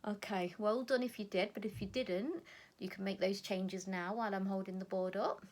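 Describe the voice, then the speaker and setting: A woman teacher who records a phonics lesson for young children, spelling out words slowly and praising them warmly. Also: mid-range voice, steady tone. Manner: slow, clearly spelled-out words, encouraging. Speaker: primary school teacher.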